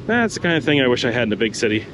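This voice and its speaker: A man narrates his stroll through city streets in a loose, chatty vlog style, calling out the shops he passes. His voice swings widely up and down in pitch. Faint traffic and street hum sit behind him outdoors. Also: big pitch swings, rapid-fire. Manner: chatty, pointing things out as he walks. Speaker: vlogger. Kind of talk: casual walking-tour commentary.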